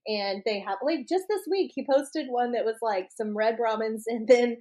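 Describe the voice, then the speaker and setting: Chatty woman, bright pitch. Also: normal speed. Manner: chatty, laughs often. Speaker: podcast co-host. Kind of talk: casual chat.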